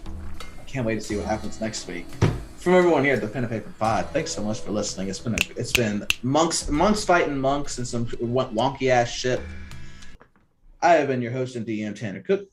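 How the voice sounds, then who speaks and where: A man's voice: medium pitch, expressive, a little fast, soft background music, poor audio. A man hosting and narrating a tabletop role-playing game as game master. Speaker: game master and podcast host.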